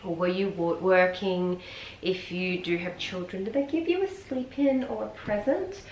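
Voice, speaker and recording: Chatty Australian mum, slightly hoarse. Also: female voice, medium pitch, unhurried. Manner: chatty, rambling, frequent ums. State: a little hoarse and tired. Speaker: vlogger. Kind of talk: casual chat while folding laundry. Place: room at home. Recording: echoey room with faint ambient noise.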